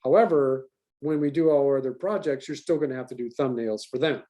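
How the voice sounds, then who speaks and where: Mellow-voiced male animation teacher. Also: mid-range voice, brisk. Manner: animated, talkative, with restarts. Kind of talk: online class lecture.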